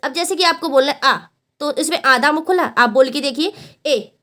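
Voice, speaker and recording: A woman's voice: high-pitched, sharp tone. A woman teaching a Hindi exam-prep lesson. She asks the class a question, answers it herself, and repeats each point, often calling the students "beta". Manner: drawn-out vowel demonstrations.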